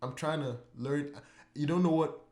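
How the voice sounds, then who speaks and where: A man's voice: on the high side, normal speed, darkish tone. A man hosting a podcast in casual chat, rambling and restarting, with lots of "like" and repeated words. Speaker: podcast host. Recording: roomy echo.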